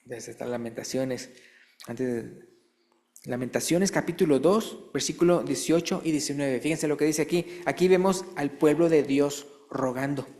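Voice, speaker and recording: A man preaching a sermon in a church, explaining quietly, then reading scripture in a high, drawn-out, emphatic voice and often asking his listeners questions. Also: gravelly.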